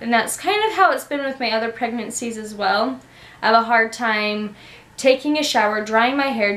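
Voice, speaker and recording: A woman's voice: fairly high pitch, a bit bright, reverberant. A young woman chatting in a casual, upbeat home vlog, slightly out of breath as she talks. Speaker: vlogger.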